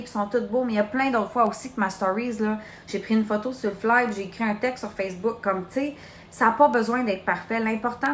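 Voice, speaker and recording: Her voice is a touch high, recorded in an echoey room over slight background noise. She's a Québécois French speaker in her late twenties leading a live social media training for her sales team. She keeps it chatty and direct, using "tu" with the listener.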